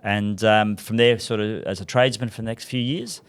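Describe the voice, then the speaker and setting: A Scottish commercial director in his 60s, guesting on a casual podcast, chats about his long working life, often laughing at himself. His voice is lowish, clear, and resonant, and he talks a little fast. He comes across as relaxed, good-humoured, and self-deprecating.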